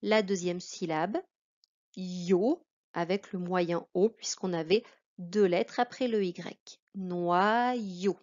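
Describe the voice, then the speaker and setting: Slow, careful French woman teacher. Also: lowish voice, darkish tone. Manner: slow, careful, addressing a child. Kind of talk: reading lesson for children. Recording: dull lo-fi recording.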